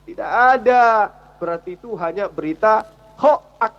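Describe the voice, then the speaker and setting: A man's voice: high-pitched, animated, measured pace. A man arguing and lecturing in a heated religious debate, challenging his opponent. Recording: dull lo-fi sound.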